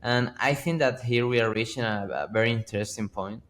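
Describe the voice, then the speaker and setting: A man's voice: mid-range voice, a little fast, a bit bright, a little hiss or hum. A man co-hosting a podcast as a physiotherapist, earnestly walking through sources with frequent restarts. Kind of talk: conversational podcast discussion.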